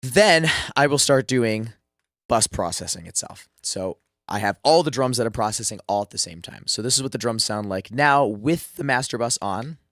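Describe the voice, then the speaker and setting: A music producer who is sick and losing his voice casually walks through a screen-share drum mixing tutorial, full of fillers and restarts. His voice is medium-pitched, animated, a bit bright, and at normal speed.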